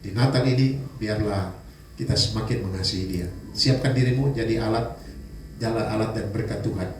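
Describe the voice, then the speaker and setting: A male pastor preaching a sermon in a lively way, throwing out rhetorical questions to the congregation. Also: fairly low pitch, normal speed, a little hiss or hum. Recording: echoey church hall from far off.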